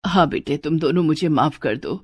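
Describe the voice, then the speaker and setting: A woman's voice: low-pitched, normal speed, a little mellow, breathy edge, dry recording, voice pushed down. A woman voicing a fretful older mother-in-law who stammers nervously in a cartoon story. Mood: sheepish.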